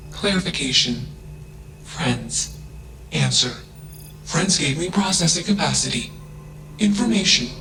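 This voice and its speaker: Emotionless, literal AI character, played by a man: flat delivery, unhurried and slightly gravelly, labels each statement. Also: on the high side, heavily acted. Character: emotionless self-aware AI, curious and literal. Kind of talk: video game voice acting. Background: game music.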